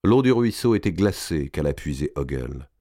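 A man reading a historical novel aloud in a measured, even storytelling manner. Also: very deep voice, no room sound, studio quality. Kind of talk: audiobook narration.

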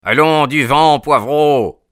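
Gruff old animal keeper, as a man puts him on. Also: mid-range voice, expressive, a little slow, dry recording, clean studio sound. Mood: angry. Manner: shouting threats, then gruffly friendly.

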